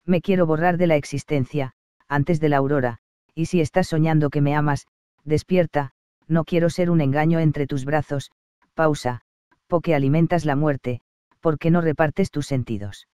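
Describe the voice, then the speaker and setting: A tender young woman pleads with her lover in slow, lyrical verse, read by a man. The voice is smooth and slightly high. The sound is dry and close, as in a storybook audiobook. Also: steady tone, a little mellow, dry recording, close to an everyday voice. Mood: yearning. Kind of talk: audiobook reading of a verse play.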